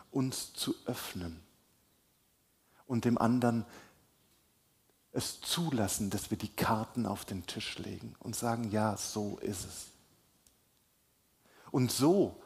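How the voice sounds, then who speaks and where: Male pastor, sermon; husky, unhurried delivery that swells for emphasis and sinks to a hush. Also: mid-range voice. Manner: slow, deliberate delivery with emphatic rises and soft drops. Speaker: preacher.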